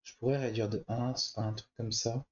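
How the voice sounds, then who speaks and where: A gameplay commentator with a cold mutters through his decisions as he plays a card game, keeping the let's-play talk relaxed. He speaks at a moderate pace in a level, dark, medium-pitched voice, and the highs are cut off.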